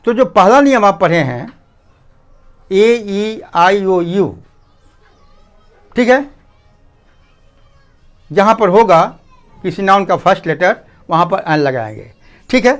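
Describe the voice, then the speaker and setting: A man teaching a grammar lesson, slow and repetitive, often asking students to pay attention. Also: high-pitched, animated.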